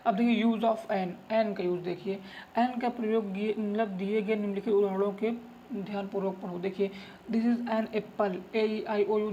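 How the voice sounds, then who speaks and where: A man with a high, darkish voice leads an English grammar lesson, repeating his points and gently pushing students along with "look" and "okay." He calls them "babu" with affection. The sound is lo-fi, carrying a little hiss or hum.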